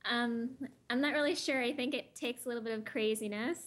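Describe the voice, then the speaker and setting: A woman's voice: a little high, brisk, a bit bright. Young woman guest on a video call. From South Florida. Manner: chatty, laughs easily, many fillers. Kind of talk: interview over video call.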